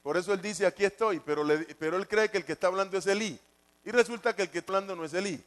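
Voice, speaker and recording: Male preacher, high voice, repetitive teaching sermon with questions to the flock. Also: rapid-fire. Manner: repetitive, asks the congregation questions.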